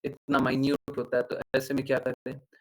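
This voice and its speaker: A man speaks as a spiritual teacher in a devotional discourse. He works through everyday examples, often asks his listeners rhetorical questions and checks that they follow him. His voice sits at an ordinary middle pitch for a man. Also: completely flat delivery, brisk, poor audio.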